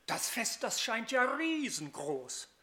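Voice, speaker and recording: A suspicious elder brother, voiced by a storybook reader asks pointed questions in rhymed verse. The voice is bright and the pace unhurried. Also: mid-range voice, sing-song, voice pushed up, full character voice.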